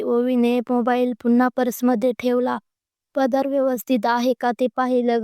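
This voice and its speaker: Woman, storyteller, smooth clear voice, rather high, flat even delivery, dry close sound. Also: no echo. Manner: reads all characters in her own voice. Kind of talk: scripted story narration.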